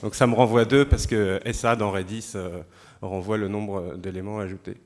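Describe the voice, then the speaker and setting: A man with a French accent and a somewhat low voice presents a live demo at a tech conference. He explains each step plainly, with frequent fillers. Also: fairly even intonation, normal speed, a little mellow. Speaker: conference speaker. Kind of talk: live coding demo talk.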